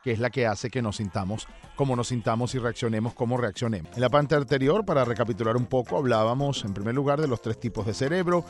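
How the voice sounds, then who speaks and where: A man in his forties hosting an interview program, calmly recapping and asking questions. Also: medium pitch, fast, hardly any pauses. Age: 40s. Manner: calm, recapping, frequent listening sounds. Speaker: radio host.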